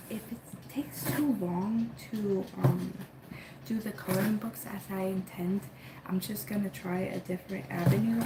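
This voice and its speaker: Slow, soft-spoken woman vlogging. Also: mid-range voice, very noisy. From Cuba. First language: Spanish. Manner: soft-spoken and rambling, with many fillers like "like" and "um". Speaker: coloring book creator and channel host. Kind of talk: casual unboxing vlog. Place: at home.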